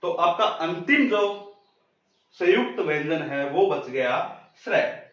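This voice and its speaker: A man teaching a pronunciation lesson, repeating each sound slowly and quizzing the listener. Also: fairly high pitch, expressive. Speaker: Hindi teacher. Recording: very echoey muffled room.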